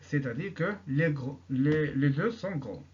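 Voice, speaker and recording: A man teaching an English grammar lesson, repeating each example sentence slowly and answering his own questions. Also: a little high, lively intonation, lo-fi sound.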